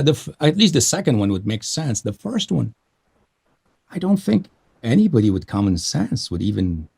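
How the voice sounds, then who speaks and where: A man hosting a live call-in debate, pressing his guest with animated, challenging questions. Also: mid-range voice, creaky, slightly rough. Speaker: show host.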